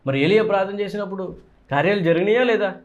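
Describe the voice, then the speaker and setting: Man, Telugu accent, preacher, high voice, rhetorical questions, repeated emphatic phrases. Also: fast, highs cut off. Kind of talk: Telugu sermon.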